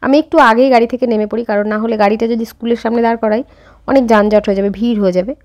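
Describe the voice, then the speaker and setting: The recording is muffled as an Indian woman in her thirties narrates her routine very quickly in Bengali, her fairly high, steady, slightly mellow voice bearing a light rural Jessore-Khulna lilt. She addresses viewers directly with frequent fillers, at home and while out running errands.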